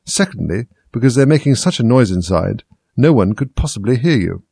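A man voicing a solemn, slow-witted frog footman who talks in a flat, unbothered way. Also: medium pitch, gravelly, breathy edge, no echo.

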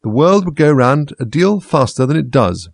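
A man doing a blunt, rude storybook duchess with a hoarse growling voice, snapping her lines loud and high above his usual pitch, gravelly and husky, recorded close and dry. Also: lively intonation, moderate pace, dry recording. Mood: snappish.

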